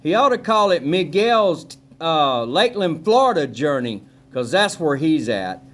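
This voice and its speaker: Man vlogger, rambling and defiant, slightly high voice, handheld camera outdoors, cigar in mouth. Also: very animated, measured pace, fairly bright tone. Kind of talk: casual walking vlog tour. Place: outdoors at a rural family home.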